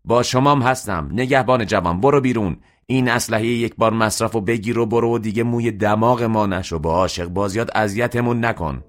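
Man doing a brusque shouting shopkeeper. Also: on the low side, voice pushed up, close to an everyday voice. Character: grumpy middle-aged male shopkeeper shouting at customers.

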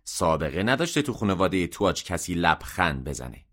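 A man's voice: deep voice, big pitch swings, fairly bright tone, full character voice. A man voicing a scornful, gloomy middle-aged woman shopkeeper in a story.

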